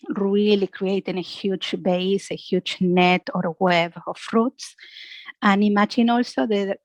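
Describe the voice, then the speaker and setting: Gently instructing a relaxation class, a woman with a mid-range voice leads breathing and imagery exercises, frequently adding a questioning "yeah?". The sound is dry, with no echo.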